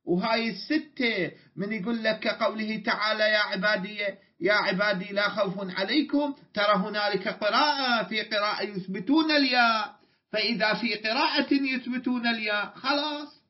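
An Iraqi man with a high voice, lecturing on grammar in a classroom. He draws out and repeats key words and puts questions to his students. The recording is dull and lo-fi. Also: a little fast. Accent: Iraqi Arabic. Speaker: Arabic grammar teacher.

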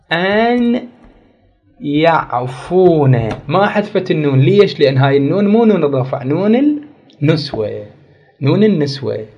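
A man's voice: high voice, darkish tone. A man teaching an Arabic grammar lesson, repeating key words and quizzing his class with questions. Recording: dull lo-fi recording.

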